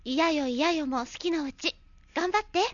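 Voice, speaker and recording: Woman acting a high-voiced, haughty lady doctor. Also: normal speed, fairly bright tone, no echo, highs cut off. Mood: prim, teasing. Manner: ladylike, dismissive, polite phrasing. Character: prim, haughty female clinic doctor, coolly disdainful. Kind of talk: comic character talk show.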